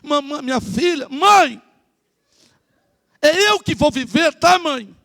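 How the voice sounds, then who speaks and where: A man's voice: very high-pitched, moderate pace, gravelly, dry recording, clean studio sound. A man voicing a headstrong young daughter who begs her mother, insistent and pleading. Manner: begging, insistent.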